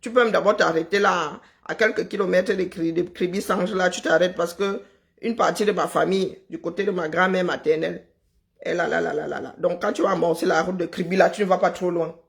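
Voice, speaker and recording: A woman hosting a live stream, talking in an animated, sarcastic, chatty way. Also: on the low side, brisk, vocal fry. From Cameroon. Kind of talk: casual live commentary.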